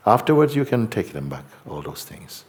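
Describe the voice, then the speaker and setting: A middle-aged man, a spiritual teacher, gently and slowly guiding a meditation talk in a hall before a live audience. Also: fairly low pitch, big pitch swings. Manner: slow, gentle, repetitive, hesitant.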